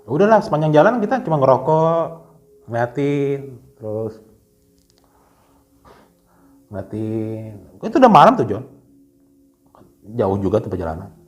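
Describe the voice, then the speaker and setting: A man telling a story in a casual guest chat, lively and slangy, full of restarts and asides. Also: medium pitch, unhurried, pauses often, highs cut off.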